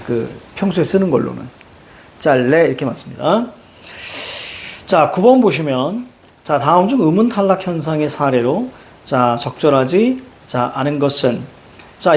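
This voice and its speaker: A man teaching a Korean grammar lesson, peppering his explanation with quick questions to the class. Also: fairly high pitch. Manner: lively, rhetorical questions to students, frequent "자".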